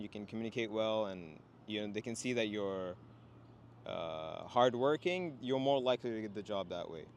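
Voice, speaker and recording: A young man from Sri Lanka who grew up in Qatar talks relaxedly as a student guest about finding work, filling his speech with "you know." His voice is on the low side, and the outdoor city setting brings slight background noise with traffic nearby.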